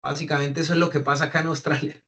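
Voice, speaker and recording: A man's voice: on the high side, level tone, very fast, a bit bright. A man from Peru with a Peruvian Spanish accent, casually explaining, often repeating words as he searches for phrasing. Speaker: reliability engineer sharing migration experience.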